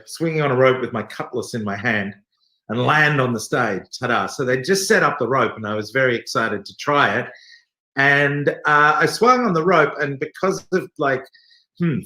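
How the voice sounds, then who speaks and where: A man in his forties, a theater actor appearing as an interview guest, tells casual anecdotes with jokey, self-deprecating humor. His mid-range voice sounds pushed and bright, and the storytelling is animated. The recording is roomy and echoey.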